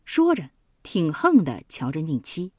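Lively woman telling a children's story. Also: low voice, unhurried, slightly rough, dry recording, clean studio sound. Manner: lively, voices characters in dialogue. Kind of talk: scripted children's story narration.

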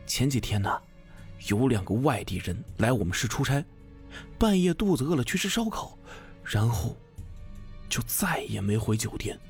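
A man's voice: mid-range voice, lively intonation, moderate pace, soft background music, lightly acted. A man voicing a sly young man who loves scaring his friends with ghost stories. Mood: teasing. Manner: teasing, conspiratorial, drops to a hushed whisper.

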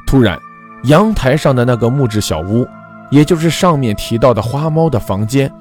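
A man narrating a folk ghost story in a measured, dramatic storytelling manner. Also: medium pitch, animated, faint music behind.

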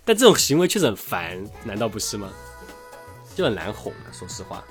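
A man hosting a podcast, chatting casually in a relaxed, rambling way that trails off quietly at the ends of his thoughts. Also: fairly low pitch, a little fast, soft background music. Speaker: podcast host. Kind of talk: casual chat.

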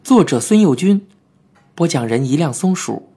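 A narrator telling a children's story in the first person, with lively and expressive delivery. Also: medium pitch, moderate pace. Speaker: audiobook narrator. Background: faint background music.

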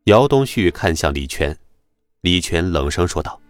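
A man narrating a web novel audiobook in an expressive storytelling manner. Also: low-pitched, moderate pace, no echo.

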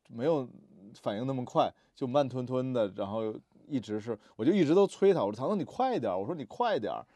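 A man with a dark, mellow voice chats casually about parenting. He tells his stories at an easy pace and drops in steady little sounds of agreement. The recording is dry and close. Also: mid-range voice, dry recording. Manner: storytelling, frequent murmured agreement. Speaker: podcast co-host, father.

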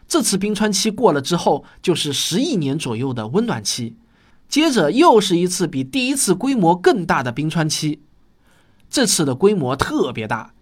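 Lively, higher-pitched male documentary narrator. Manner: explanatory, storytelling delivery. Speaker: host of a popular science audio series. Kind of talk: nature documentary style scripted narration.

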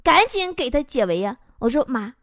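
A woman's voice: high voice, sing-song, brisk, fairly bright tone, no room sound, studio quality. Playful Northeastern Chinese woman host. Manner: chatty, playful, laughs between stories. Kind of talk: reading listener jokes aloud.

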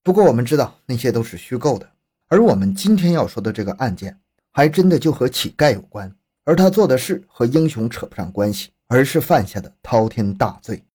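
A man's voice: medium pitch, big pitch swings, a little fast, mellow, husky. A man narrating true crime as a scripted, suspenseful story, posing rhetorical questions to the listener.

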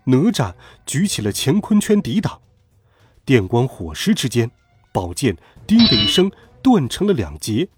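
A man telling a classic myth as scripted storybook narration, dramatic and expressive. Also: mid-range voice, moderate pace, over music.

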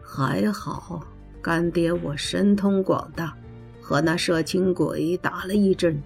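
A woman's voice: lowish voice, fairly even intonation, slow pace, creaky, a little mellow, soft background music. A woman doing a joking, boastful middle-aged godfather. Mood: weary. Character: playful teasing middle-aged male godfather.

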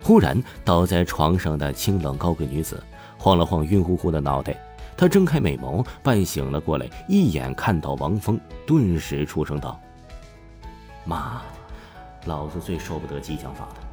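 Low, mellow male storyteller, very expressive, dramatic audiobook narration over soft music. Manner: dramatic storytelling, voices all roles. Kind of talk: scripted narration. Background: soft background music.

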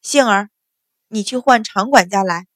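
A woman's voice: mid-range voice, unhurried, no room sound, clean studio sound, lightly acted. A woman voicing a stern, short-tempered mistress of a noble household who gives orders sharply. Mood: commanding. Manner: sharp, commanding.

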